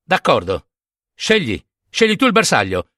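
A man's voice: fairly high pitch, huge pitch swings, normal speed, sharp tone, dry recording, clean studio sound, exaggerated voice. A man voicing a proud, stern huntress goddess who answers in short, haughty lines. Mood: proud curt. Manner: curt, haughty.

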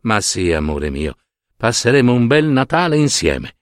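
A man's voice: mid-range voice, big pitch swings, normal speed, clean tone, no echo, clean studio sound, close to an everyday voice. A man voicing a kindly, homely shoemaker's wife in a storybook tale, raising his voice to sound like her. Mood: gentle. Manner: gentle, homely, questioning. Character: kindly poor shoemaker's wife, middle-aged woman.

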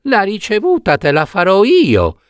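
A tiny, squeaky little prince begs over and over in a piping voice that leaps around wildly. He draws his pleas out slowly, in a dry, close storybook reading. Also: wildly swooping pitch, no room sound, heavily acted. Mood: urgent. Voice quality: thin, tiny, high voice. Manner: begging, repeating his plea. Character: tiny enchanted young prince trapped in a box, pleading.

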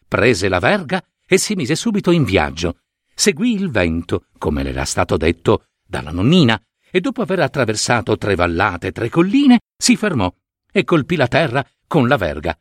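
A man reading a fairy tale aloud with expressive, varied intonation. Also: mid-range voice, dry recording, clean studio sound. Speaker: storyteller.

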